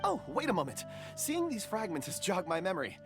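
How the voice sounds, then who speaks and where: Soft thoughtful companion, voice rises and falls a lot, music behind. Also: medium pitch, huge pitch swings, fairly quick. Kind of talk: game voice acting. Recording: game soundtrack behind.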